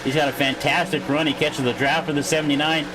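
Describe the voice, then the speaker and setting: Fast-talking male race commentator. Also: fairly high pitch, noisy background. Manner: fast excited play-by-play with restarts. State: out of breath, voice worn. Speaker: sim racing commentator.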